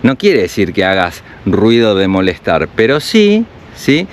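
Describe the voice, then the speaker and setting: A man's voice: lowish voice, wildly swooping pitch, measured pace, slight background noise. An Argentine man giving casual walking commentary for a travel vlog, reading signs aloud and explaining them. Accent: Argentine Spanish. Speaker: travel vlogger. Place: outdoors in a mountain village.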